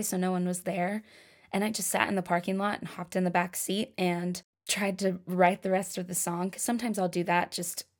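A young woman singer-songwriter talking casually about writing her songs, chatty and self-deprecating. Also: on the low side.

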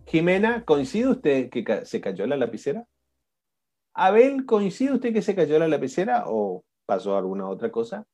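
A man's voice: a little high, normal speed. A man with an Argentine accent teaching a live online coaching class, often asking the group questions. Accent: Argentine Spanish. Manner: lively, questioning the class, frequent "¿no?" and "¿sí?". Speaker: coaching instructor. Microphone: video call.

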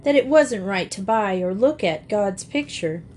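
A woman's voice: medium pitch, lively intonation, measured pace, a little mellow, slight background noise, close to an everyday voice. A woman reading aloud voices a timid, nervous young girl who speaks miserably and wails in distress. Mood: miserable. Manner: miserable, wailing.

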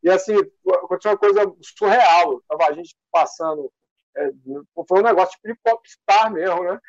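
A man's voice: sits high, normal speed, dry recording, highs cut off. A man being interviewed as an athlete. He tells stories casually and with energy, rambling and using many fillers. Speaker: guest athlete.

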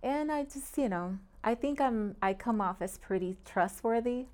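A woman's voice: on the high side, expressive, moderate pace, a little mellow. A middle-aged woman from Puerto Rico, a real estate agent guest talking earnestly and in detail in a casual interview, often laughing between points.

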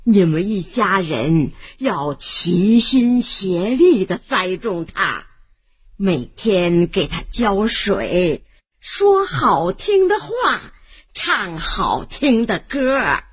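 A woman voicing a kindly old grandmother who speaks slowly and gently in a children's story. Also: medium pitch, big pitch swings, husky, voice pushed down, heavily acted. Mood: gentle. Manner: slow, gentle and soothing.

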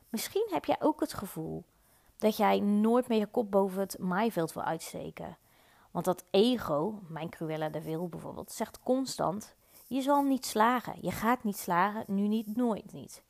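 A woman's voice: medium pitch, gravelly. A Dutch woman hosting a personal coaching podcast, talking earnestly and directly to the listener. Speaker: podcast host.

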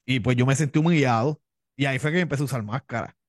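This interview features a boastful, tough pro wrestler from Cuba who speaks with a Cuban accent and repeats himself a lot. His voice sits at medium pitch and moves quickly. It's a dry recording with clean studio sound.

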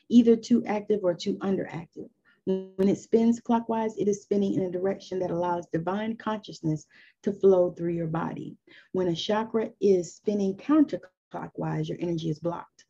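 A woman's voice: mid-range voice, creaky, warm tone, slightly rough, lo-fi sound. A woman in her fifties giving an earnest, encouraging spoken lesson on spiritual growth in a loose, conversational way. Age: 50s. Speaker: spiritual teacher.

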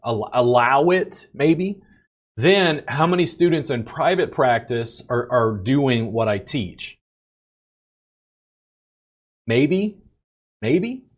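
A man hosting a casual podcast conversation, animated and blunt, swearing and acting out what other people say. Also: medium pitch. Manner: animated, swears, acts out quoted people in raised voice. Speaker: podcast host and bodywork teacher.

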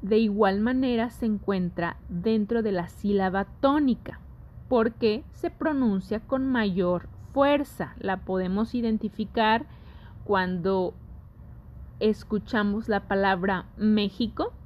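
A woman teaching a scripted lesson, speaking deliberately and putting questions to her audience. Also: medium pitch, muffled recording.

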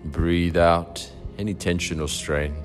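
A man leading a guided meditation in a slow, soft and soothing way. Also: low voice, flat delivery. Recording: faint music behind.

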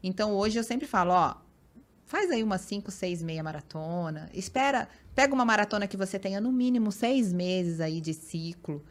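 A woman who runs marathons and works as a fitness influencer, chatting as a podcast guest and telling stories with lively acted-out quotes. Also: medium pitch, normal speed. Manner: animated storytelling, acts out quoted remarks, frequent "né" and "então, assim". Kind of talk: casual podcast conversation.

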